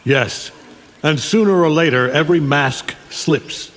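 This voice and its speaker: A man's voice: a little high, measured pace, natural voice. Man voicing arrogant alien conqueror in echoing hall. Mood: smug. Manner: smug, menacing, condescending. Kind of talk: video game dialogue. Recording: long reverb, faint background noise.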